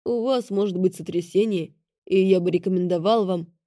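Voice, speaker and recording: A courteous old doctor, grey-haired and unhurried, as a woman reads him, giving soft-spoken, formal advice. The voice is mellow and warm, set in a dry, close recording. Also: on the low side, no echo, close to an everyday voice. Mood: calm, courteous. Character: elderly grey-haired male doctor, calm and polite.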